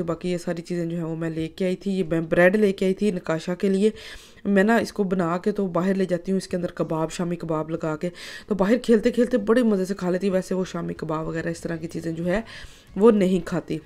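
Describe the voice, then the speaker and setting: A woman's voice: lowish voice, steady tone, a little fast, mellow. A woman, narrating her home vlog in a chatty way, full of filler phrases. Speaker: vlogger.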